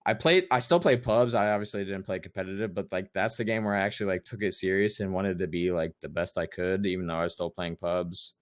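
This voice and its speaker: A man's voice: low voice, fast talker, hardly any pauses, no room sound, studio quality. A young man in casual chat on a gaming podcast, rambling with lots of fillers and restarts. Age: young adult. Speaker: podcast co-host.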